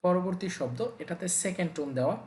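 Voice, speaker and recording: A man teaching a language lesson, patiently saying each practice word twice and dropping lower on the sample words. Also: fast talker, reverberant, a little hiss or hum.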